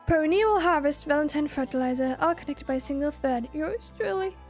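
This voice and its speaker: Woman voicing a smug child mastermind, high voice, slow theatrical villain menace, pompous, measured, game dialogue, music behind. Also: darkish tone. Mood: grandiose. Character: scheming villain with a child's body, smug and condescending.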